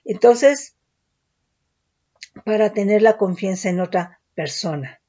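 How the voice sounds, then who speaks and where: A woman preaching a sermon in a warm, mellow voice. She teaches steadily and keeps checking in with her listeners. The recording sounds dull and lo-fi. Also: mid-range voice, slow. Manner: teaching, frequent tag questions.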